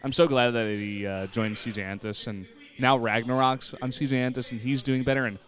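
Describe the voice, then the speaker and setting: A man casting a video game match in a relaxed, chatty way, often pausing with fillers. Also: mid-range voice. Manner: relaxed, hesitant, many likes and ums. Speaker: esports caster. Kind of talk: casual esports commentary.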